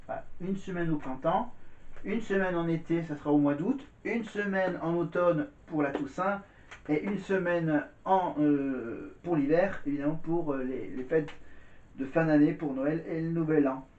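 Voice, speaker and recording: A man talks to his viewers in a loose, rambling vlog, circling back to repeat himself. His voice sits a little high. The recording is dull and lo-fi, with a roomy echo around him. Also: measured pace, a little mellow. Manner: rambling, repeats words and says "voilà" often. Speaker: vlogger. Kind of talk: casual vlog chat to camera. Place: indoors at home. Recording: echoey room, dull lo-fi sound.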